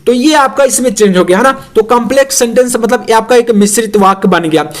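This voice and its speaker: A young man teaching English grammar to exam students, explaining slowly and spelling words out letter by letter. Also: very high-pitched.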